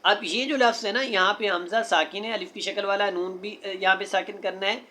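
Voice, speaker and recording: A Quran teacher giving a tajweed lesson, spelling out sounds letter by letter and chanting the verses slowly and melodically. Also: mid-range voice, steady tone, bright, forceful tone.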